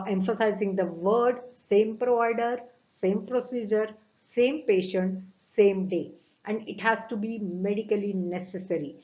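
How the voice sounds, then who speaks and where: A woman teaching medical coding from slides, methodical, often pausing on "uh" and stressing key words. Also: medium pitch. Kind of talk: lecture walking through slides. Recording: dull lo-fi audio.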